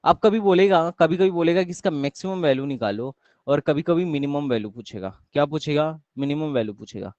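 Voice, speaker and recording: A man's voice: a little high, fairly quick, darkish tone, no room sound, highs cut off. A young man teaching math in a live online class, often quizzing his students and repeating his questions. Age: young adult.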